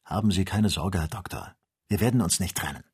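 A man's voice: deep voice, brisk, a little mellow, slightly rough, heavily acted. A man voicing a loyal, cheerful young male servant in an audiobook, with an offhand, plucky manner. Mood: earnest.

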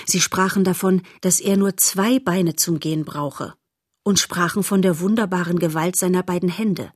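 A woman reading a children's novel aloud as narrator, in a steady, expressive storytelling manner. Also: on the low side, normal speed, breathy edge, dry recording, studio quality.

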